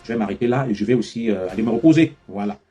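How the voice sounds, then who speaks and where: A tired man hosts a live call-in and speaks in measured, repetitive phrases. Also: on the low side, mellow, soft background music. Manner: measured, repeats himself, closes with "voilà". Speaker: live-stream host taking calls.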